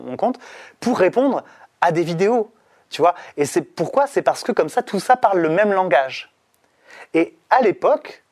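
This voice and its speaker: A middle-aged man, an interview guest, explaining in casual chat, rambling with many fillers and restarts. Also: high-pitched.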